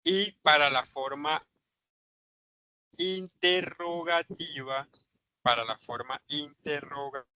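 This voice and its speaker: Patient teacher, bright and dry. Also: male voice, fairly high pitch, dry recording, low-quality recording. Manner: patient, repeats examples slowly. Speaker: English teacher. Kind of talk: online class explaining grammar.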